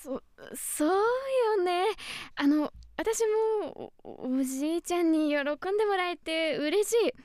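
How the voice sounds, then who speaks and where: A woman's voice: very high-pitched, expressive, slow, darkish tone, dry recording, studio quality, heavily acted. A woman playing a young grave cleaner in a comedy radio skit, polite, awkward and playing along. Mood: flustered.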